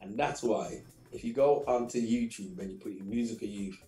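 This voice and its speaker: A middle-aged man from England, a radio show guest telling lively anecdotes with laughs and repeated phrases. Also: lowish voice, fairly quick, echoey room, faint music behind, rough recording. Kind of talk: casual interview storytelling.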